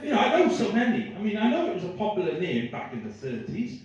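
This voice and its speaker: A man's voice: high voice, wildly swooping pitch, fast, a little mellow, lo-fi sound. A man with a Swansea Welsh accent doing stand-up, rambling, self-deprecating and sweary as he banters with the audience. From Swansea, Wales. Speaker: stand-up comedian. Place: live comedy venue with small audience. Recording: very echoey room, distant mic.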